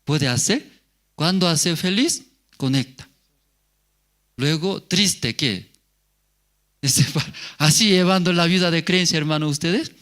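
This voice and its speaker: A man's voice: on the high side, takes it slowly, pauses often, fairly bright tone. A male pastor giving a sermon, asking the congregation rhetorical questions and repeating key words.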